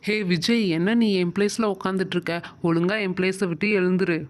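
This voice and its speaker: A woman's voice: on the low side, fairly even intonation, a little fast, close to an everyday voice. A woman doing a bossy hot-tempered schoolboy. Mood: threatening. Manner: threatening, bossy. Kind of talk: doll show voice acting.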